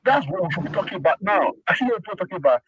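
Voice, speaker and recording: A man's voice: sits high, expressive, rapid-fire, fairly bright tone, a little hiss or hum. A Nigerian man calling in over a phone put on speaker, making emphatic points, repeating himself and restarting sentences. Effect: heard over a phone on speaker. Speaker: caller. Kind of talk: heated call-in commentary. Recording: muffled phone speaker audio.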